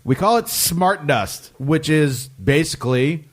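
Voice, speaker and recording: A man's voice: fairly high pitch, a little slow. Joking man explaining science on a podcast. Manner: animated, jokey, explains science loosely. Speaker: podcast co-host. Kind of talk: casual comedic science chat.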